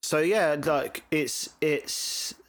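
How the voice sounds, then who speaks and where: A man's voice: fairly high pitch, very slow, no room sound. A man with a south London accent talking informally and reflectively about his own life as an interview guest, with slangy phrasing and lots of "you know". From England, born in south east London and grew up in Brighton.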